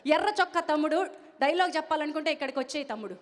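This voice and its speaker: High-voiced woman anchoring an event. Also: rapid-fire, in a large hall. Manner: energetic, teasing, calls out to the crowd. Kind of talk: lively stage anchoring.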